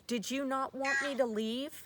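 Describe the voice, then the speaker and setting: On a noisy recording full of clicks, a woman leading a spirit box session poses questions to the spirits and repeats herself often. She's a paranormal investigator host with a high-pitched, steady voice and a somewhat slow delivery.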